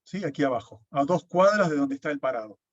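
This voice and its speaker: This slightly high-voiced man talks fast and expressively while teaching an online class step by step, often asking "¿sí?" to check understanding. The lo-fi recording sounds dull and dry, with no room sound.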